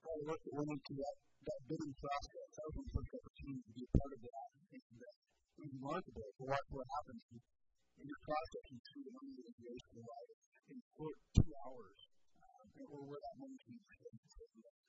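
A man's voice: on the high side, huge pitch swings, fairly quick, loud music behind the voice. A man in his forties giving a rambling, appreciative public comment at a meeting. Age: 40s. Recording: dull lo-fi meeting recording.

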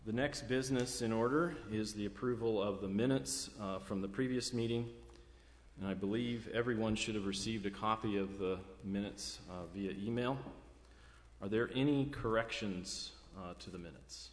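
An American man chairing a formal public meeting in a measured, procedural way. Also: lowish voice. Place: large echoey indoor meeting room. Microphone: meeting microphone. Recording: echoey meeting room, clear background noise.

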